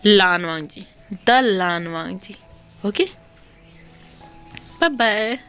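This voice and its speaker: A woman's voice: fairly high pitch, expressive, measured pace, soft background music. A woman voicing a possessive young male lion alpha student who talks boastfully and domineeringly. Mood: mocking.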